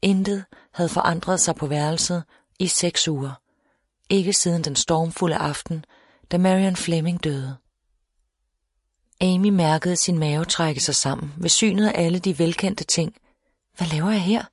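A woman reading a novel aloud as an audiobook narrator, in a steady, measured storytelling manner. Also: fairly low pitch, dry recording, studio quality. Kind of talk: scripted narration.

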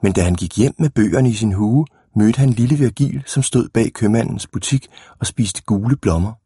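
Husky low-voiced man reading a storybook. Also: dark tone, no echo, clean studio sound. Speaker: narrator.

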